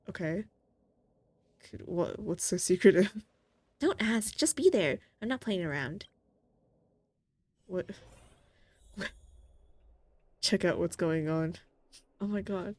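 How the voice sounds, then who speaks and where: A woman's voice: mid-range voice, no echo. A woman streaming a video game, reading its dialogue aloud and reacting expressively as she goes. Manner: expressive, exclaims and laughs at the story.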